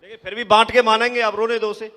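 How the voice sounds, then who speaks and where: A man chiming in loudly from off-mic during a seminar in a hall. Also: sits high, level tone, quick pace. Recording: distant voice in echoey hall.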